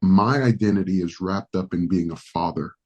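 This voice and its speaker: On a muffled recording, a low-voiced man talks at normal speed with a darkish, breathy tone. He's a pastor from the Dominican Republic, Spanish being his first language, guesting on a podcast interview and speaking earnestly and reflectively, with occasional hesitation.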